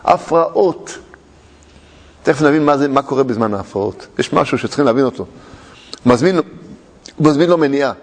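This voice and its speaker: A man's voice: mid-range voice, in a large hall. A man teaching a religious lesson as a rabbi, firing rhetorical questions and using playful repetition and wordplay.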